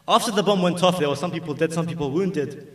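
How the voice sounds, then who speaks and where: A man's voice: a little high, fast. A man giving an urgent, pleading religious exhortation at a mourning gathering, repeating his phrases for emphasis. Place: large gathering hall. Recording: echoey hall, mic at a distance.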